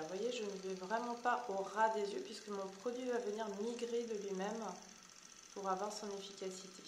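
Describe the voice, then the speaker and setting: A woman talks through a skincare product demonstration and explains each step plainly to the viewer. Her voice sits at an ordinary pitch. The room gives her voice a noticeable echo, and a faint ambient noise runs underneath. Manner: explanatory, addresses viewers directly. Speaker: beauty product seller.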